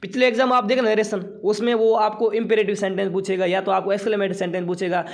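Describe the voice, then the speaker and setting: A man's voice: high-pitched, level tone, fast talker. A man teaching an online exam-prep class in casual Hindi with a Rajasthani accent, chatty and repeating himself, often checking in with "ठीक है".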